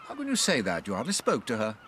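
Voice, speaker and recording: A man's voice: medium pitch, wildly swooping pitch, quick pace, fairly bright tone, slight background noise. An English actor playing a decent, direct, sympathetic male doctor in a radio drama, earnest and plain-spoken. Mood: defensive.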